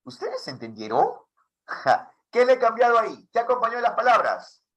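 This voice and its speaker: Man, teacher trainer, animated pitch, quizzing his class, online lesson. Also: moderate pace. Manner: lively, asks many questions.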